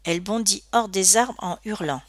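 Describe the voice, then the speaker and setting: A woman narrating a story aloud in an expressive, scripted reading. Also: medium pitch, normal speed, no room sound, studio quality. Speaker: audiobook narrator.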